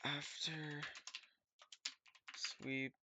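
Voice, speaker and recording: A man casually talking to himself in slangy, halting mutters as he records a trading journal recap. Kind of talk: casual self-talk while typing, screen recording. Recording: dull mic, clear noise, keyboard clicks.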